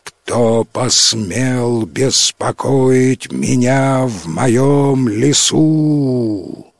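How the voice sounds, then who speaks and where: A man voicing an ancient, wise male forest spirit in a storybook reading, speaking slowly and solemnly. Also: mid-range voice, vocal fry, no echo, clean studio sound. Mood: thundering. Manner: slow, solemn, hushed.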